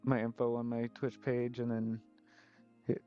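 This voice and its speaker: A man's voice: mid-range voice, completely flat delivery, measured pace. A man, an artist, chatting casually on a live stream while he paints, joking about himself and rambling between laughs. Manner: joking, self-deprecating, rambling with frequent laughs. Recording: slightly muffled stream audio with faint music.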